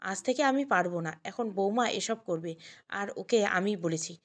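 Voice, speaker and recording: A woman voicing a kind, affectionate middle-aged mother-in-law in an audio story, speaking softly and scolding fondly. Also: mid-range voice, brisk, lightly acted. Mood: gentle. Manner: soft, gentle, scolding fondly. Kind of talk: Bengali audio story dialogue.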